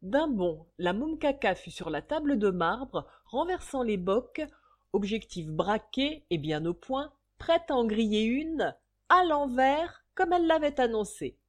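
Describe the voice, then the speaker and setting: A woman narrates a short story aloud at a medium pitch. Her reading is expressive and animated, with a voice that rises and falls freely as she savors the slangy phrasing. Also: a little slow. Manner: expressive storytelling, relishes old street slang.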